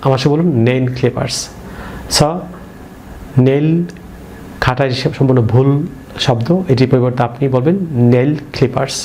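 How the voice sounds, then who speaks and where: Male English teacher, mid pitch, spells words letter by letter, drills learners, faint noise under the voice. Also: fairly even intonation, moderate pace, long pauses, darkish tone. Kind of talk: vocabulary lesson.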